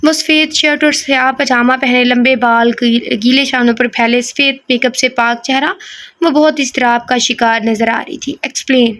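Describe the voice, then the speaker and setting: A woman narrating a romance audio novel in a high voice. She reads at an even pace and slips into casual, joking asides. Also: normal speed. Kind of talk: reading a romance novel aloud.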